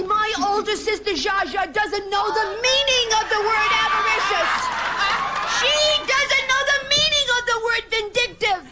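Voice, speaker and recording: Frumpy-sister character, very high-pitched, mock-grand roast delivery, loud crowd, noisy old broadcast. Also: female voice. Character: frumpy plain fourth sister of glamorous socialites, woman. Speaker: comic performer at a roast. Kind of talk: stand-up roast monologue in character.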